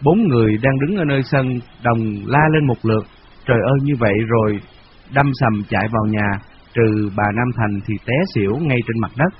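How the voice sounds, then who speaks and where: A man reading a novel aloud in a steady, measured storytelling voice, on a dull lo-fi radio recording. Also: medium pitch, a little hiss or hum. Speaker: narrator.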